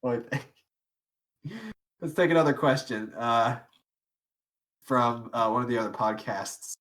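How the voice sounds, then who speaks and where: A man's voice: medium pitch, normal speed, fairly bright tone. Rambling young man chatting on a podcast. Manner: rambling, many fillers and restarts, laughs often. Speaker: podcast co-host. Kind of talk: casual chat.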